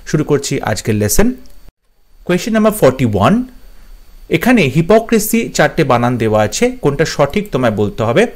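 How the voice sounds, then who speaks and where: A man teaches English spelling for competitive exams, and his voice sits slightly high. He spells each word out letter by letter and repeats the key words often. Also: big pitch swings, brisk. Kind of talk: spelling lesson for exam students.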